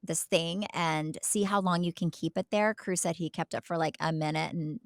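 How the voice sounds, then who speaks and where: A middle-aged woman from Oklahoma, United States, co-hosts a podcast, rambling emphatically and chattily through family anecdotes in casual conversation. Her voice is lowish with a steady tone and moderate pace, and the studio recording is clean with no room sound.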